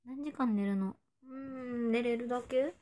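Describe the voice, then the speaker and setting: Young female idol, twenties, slightly high voice, playful livestream chatter, drops into whispers now and then. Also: normal speed, dark tone. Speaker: idol streaming to fans. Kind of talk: casual livestream chat reading viewer comments.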